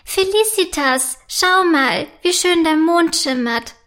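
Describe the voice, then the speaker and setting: A lively little girl princess, as a woman storyteller plays her. She chirps in a high, girlish voice. She is curious and keen. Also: takes it slowly, full character voice. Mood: delighted.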